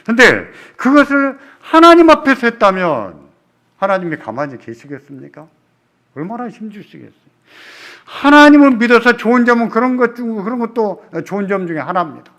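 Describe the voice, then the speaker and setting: Lively, bright-voiced male preacher. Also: extremely high pitch, moderate pace. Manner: emphatic preaching, swinging from loud calls to soft acted pleas. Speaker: pastor. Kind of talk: sermon. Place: church sanctuary.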